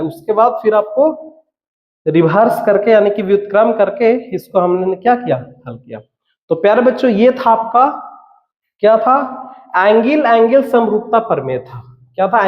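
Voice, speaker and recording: High-voiced man teaching maths. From Bihar, India. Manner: repeats steps, asks and answers his own questions. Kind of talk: blackboard maths lesson. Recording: roomy echo, dull lo-fi sound.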